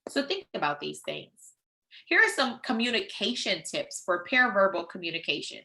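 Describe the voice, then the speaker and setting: A woman leading a training session, lecturing in a lively, conversational way with frank personal asides. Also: medium pitch, moderate pace, vocal fry.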